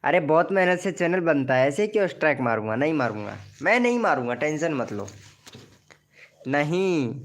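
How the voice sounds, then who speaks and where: A man's voice: on the high side, big pitch swings, normal speed. A man hosting a casual live stream who promotes viewers' channels, teases them jokingly and calls each of them by name.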